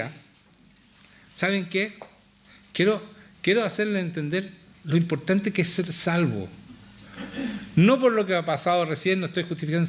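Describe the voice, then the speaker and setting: A man's voice: high-pitched, slight background noise. A man with a Chilean accent preaching a sermon to a congregation in church, reading scripture aloud and pressing his listeners with rhetorical questions. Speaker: pastor.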